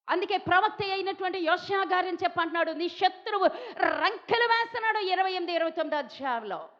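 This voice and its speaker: A woman from India preaching a sermon, talking emphatically and repeating questions to her listeners. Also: sits high. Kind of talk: Telugu sermon. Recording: dull sound in a reverberant hall.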